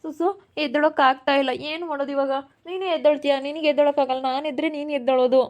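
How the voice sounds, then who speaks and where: A woman voices Sundara, a fallen man playing helpless who whines that he can't get up, using a Hiriyur Kannada accent. Her high, steady voice comes out rapid-fire and lightly acted, whiny and pleading with a sly, teasing edge. The recording is lo-fi.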